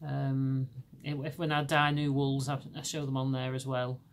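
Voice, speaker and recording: The podcast host, a middle-aged woman from England, speaks in a Lancashire accent during casual chat. Still hoarse from laryngitis, her naturally deep voice carries a flat delivery at normal speed, and she rambles with many restarts.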